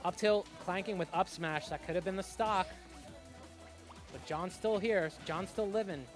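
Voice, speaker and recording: Excitable young male esports commentator. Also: sits high. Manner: excitable, filler-heavy, quick reactions. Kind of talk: live play-by-play commentary. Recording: music playing behind.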